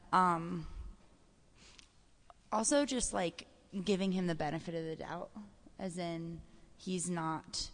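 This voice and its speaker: Young woman, lowish voice, hesitant, earnest, echoing hall. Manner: hesitant, filler-heavy, earnest. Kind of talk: casual conversation. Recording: long hall reverb.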